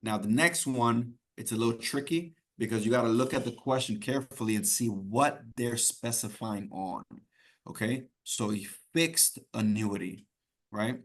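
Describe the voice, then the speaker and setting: A man's voice: medium pitch, moderate pace. A man teaching an exam-prep class in a conversational way, often checking in with "right?" and "okay?" and repeating key points. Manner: repeats key points to drive them home. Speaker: instructor.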